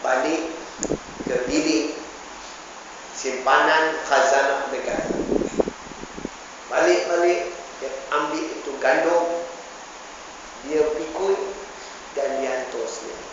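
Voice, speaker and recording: A male preacher giving an emphatic religious lecture that rises at times to shouts, in a large echoey hall recorded from far off. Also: on the high side, slow pace, pauses often, muffled recording, background noise.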